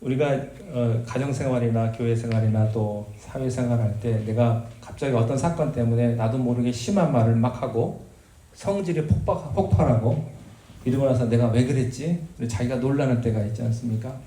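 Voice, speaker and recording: A man's voice: mid-range voice, fairly quick, dark tone. A man preaching a sermon as pastor, telling stories in a conversational way with self-deprecating humor. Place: church sanctuary. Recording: roomy church sound with faint background noise.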